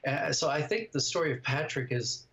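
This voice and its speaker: An older man, a guest writer and director, gives thoughtful interview answers over a video call from his home study. His voice sits a little high and sounds expressive and a bit bright, with vocal fry, at normal speed. The call audio is dull.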